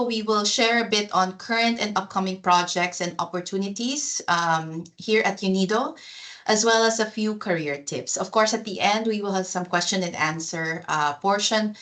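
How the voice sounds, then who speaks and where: A woman's voice: mid-range voice, normal speed, a bit bright. A woman HR officer hosting an online presentation over a video call, speaking with frequent fillers and restarts.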